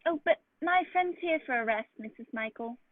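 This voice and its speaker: A woman playing a genial, slightly grumbling gentleman doctor, a detective's companion, in a radio play. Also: a little high, lively intonation, moderate pace, no room sound. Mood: reluctant. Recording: dull lo-fi recording.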